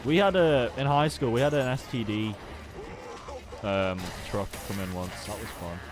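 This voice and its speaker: A man's voice: on the low side, fairly even intonation, moderate pace, over music. A man with a Stoke-on-Trent English accent chatting casually and in a rambling, easily amused way as he streams a video game. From Stoke-on-Trent, England. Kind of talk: casual gaming stream chat.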